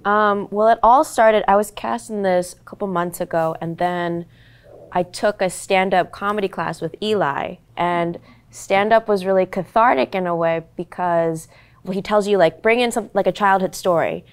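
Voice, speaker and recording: A young American actor in her twenties, originally a Korean speaker, reflects earnestly during a candid panel discussion, peppering her speech with "like" and "um." Her voice is medium-pitched, smooth, and moderately paced.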